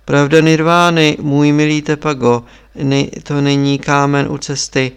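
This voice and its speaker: A man voicing an old, stern Buddhist abbot who speaks in a measured, instructive way in an audiobook reading. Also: on the high side, level tone, clear, resonant tone, natural voice. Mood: patient.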